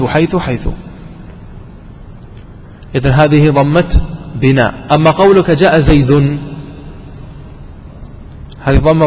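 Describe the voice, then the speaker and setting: A man's voice: on the high side, big-room sound, slight background noise, poor audio. A man giving a classroom grammar lesson who keeps asking his listeners questions, answers them himself and repeats each definition. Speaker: grammar teacher.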